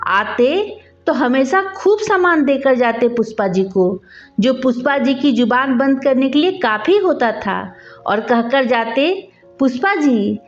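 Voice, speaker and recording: A woman storyteller reading a scripted family story in a slow, expressive way. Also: high voice. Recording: slightly dull recording with background music.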